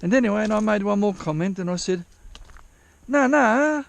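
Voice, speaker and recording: A man's voice: high voice, level tone, fast, gravelly, a little mellow. A man with an Australian accent chatting casually to his viewers, rambling, repeating himself and swearing freely. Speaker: vlogger. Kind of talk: casual rambling chat to camera.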